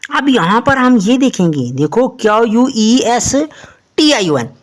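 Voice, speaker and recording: A woman teaching English pronunciation in Hindi, spelling out letters slowly and asking the listener questions as she explains. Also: fairly high pitch, very animated. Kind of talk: explanatory lesson.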